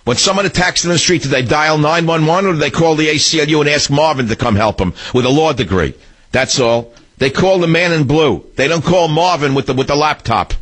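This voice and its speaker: A man's voice: a little high, a little fast, fairly bright tone, husky. A man hosting a political talk radio show, ranting in combative, sneering bursts from a radio studio.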